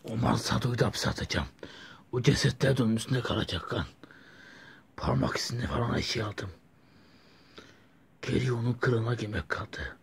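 A man's voice: medium pitch, animated, fast talker, vocal fry, husky, exaggerated voice. A man voicing a scheming male psychopath and master of disguise, in whispered role-play asides.

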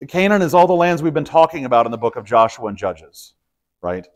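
A male pastor teaching a small Bible study group in an easygoing, explanatory way. He talks in a mid-range voice, pausing with ums and backing up to restart phrases as he thinks aloud. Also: mid-range voice, big pitch swings. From Texas. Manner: conversational, explanatory, with frequent fillers and restarts. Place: church study room.

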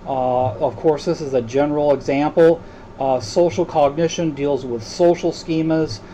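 Mellow-voiced man giving a halting lecture. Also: fairly high pitch, steady tone, a little hiss or hum, rough recording. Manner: hesitant, many filler sounds. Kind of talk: recorded lecture.

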